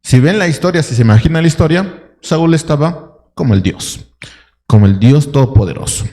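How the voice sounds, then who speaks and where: A man's voice: fairly high pitch, animated, moderate pace, dark tone. A man preaching a sermon as pastor, dramatizing a story and throwing rhetorical questions at his congregation. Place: church hall. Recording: long church hall reverb.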